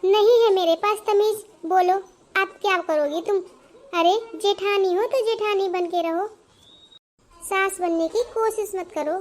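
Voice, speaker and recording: A woman voicing a headstrong young bride in a cartoon, talking back sharply in a very high voice. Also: steady tone, a little slow. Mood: defiant. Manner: defiant, talks back sharply. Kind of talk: Hindi cartoon voice acting.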